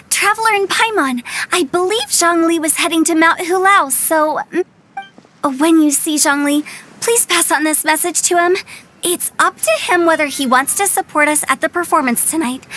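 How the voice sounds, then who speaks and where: A teasing, mischievous funeral director. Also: female voice, high voice, a bit bright. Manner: teasing, sing-song. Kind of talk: video game dialogue.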